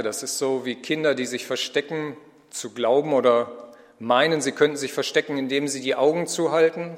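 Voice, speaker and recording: A man's voice: medium pitch, in a large hall. A man preaching a reflective sermon in a personal tone, with rhetorical questions.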